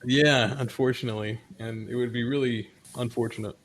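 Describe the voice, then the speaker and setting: A man's voice: medium pitch, fairly even intonation, fairly quick, a little hiss or hum, low-quality recording. A man in his twenties, a player in a tabletop game, chatting casually and rambling with laughs and hesitations. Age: 20s. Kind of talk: casual chat.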